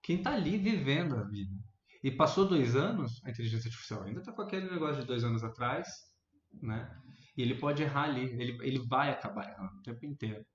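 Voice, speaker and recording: A man with a Brazilian accent making his points in a casual debate, thinking aloud with restarts and sudden animated rises in pitch. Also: fast. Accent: Brazilian Portuguese. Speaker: debate panelist. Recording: echoey room, dull lo-fi sound.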